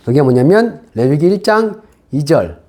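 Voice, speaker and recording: A man's voice: a little high, very animated, unhurried, mellow. A man preaching a sermon as pastor, casual and conversational, firing rhetorical questions at the congregation.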